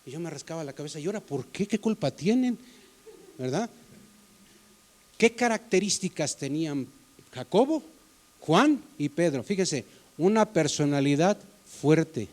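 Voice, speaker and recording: A man's voice: on the high side, big pitch swings, unhurried, long pauses, a little mellow. A man preaching a sermon in a church as the pastor, in a conversational way, often asking the congregation questions.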